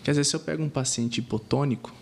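A man speaking as a physiotherapist in a relaxed conversation. He explains his work and slips into the voice he uses with patients, giving step-by-step commands. His pitch sits in the middle range. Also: fast talker, gravelly. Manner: animated, acts out what he says to patients. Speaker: physiotherapist guest.

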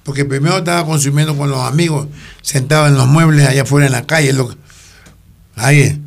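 A man's voice: mid-range voice, steady tone, a little fast, creaky. An older man, telling his life story in an interview, rambling and restarting his sentences. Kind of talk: personal testimony in an interview.

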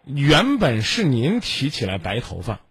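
Brief: husky male radio advice host, blunt and lecturing, very lively delivery, dry sound. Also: mid-range voice, unhurried, no echo. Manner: blunt, lecturing, rhetorical questions.

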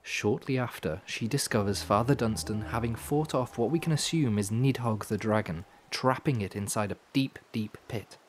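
A man hosting a podcast with scripted storytelling narration, in measured, dramatic phrasing with dry asides. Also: lowish voice. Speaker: podcast host. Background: music.

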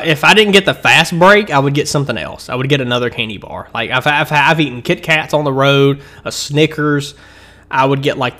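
A bright-toned man talks through a snack review in a loose, rambling way. He restarts his sentences and fills gaps with ums. He keeps chewing candy between his thoughts. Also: mid-range voice. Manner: eating and chewing while he talks. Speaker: host of a candy-rating show.

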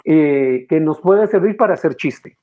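Man, voice actor, interview guest, animated explainer, dark mellow tone, muffled lo-fi sound. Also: measured pace. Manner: animated, explanatory, swings his pitch widely to demonstrate voices. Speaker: voice actor and teacher of voice acting.

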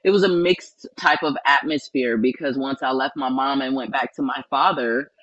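Earnest woman, bright tone, dull lo-fi sound. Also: rumbling low, normal speed, dry recording. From New Orleans, Louisiana. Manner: earnest, reflective, many ums and restarts. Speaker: spiritual life coach, podcast guest. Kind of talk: personal storytelling in an interview.

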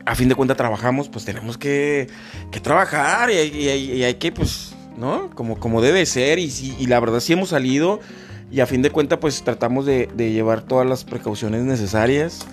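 A man's voice: medium pitch, moderate pace, soft background music. A man hosting a podcast in casual chat, rambling with many fillers and restarts. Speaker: podcast host.

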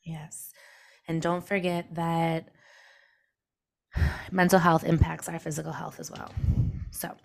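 A woman's voice: deep voice, flat delivery, takes it slowly, gravelly, long pauses. A woman recovering from the flu with a sick voice, co-hosting a podcast and speaking in an earnest, reflective way. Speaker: podcast co-host and trauma therapist. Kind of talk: casual podcast conversation. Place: remote recording, apart from co-host.

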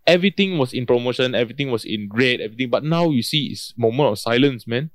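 A man's voice: mid-range voice, animated, fast talker, no echo, clean studio sound. A man with a Malaysian English accent chatting casually in colloquial Singlish style, peppered with lah, man and bro. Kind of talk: casual chat.

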